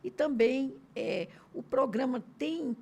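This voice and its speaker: A woman with a Brazilian Portuguese accent hosting a podcast interview, asking gentle questions with frequent tag questions. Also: high-pitched, slow, a little hiss or hum. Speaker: podcast host.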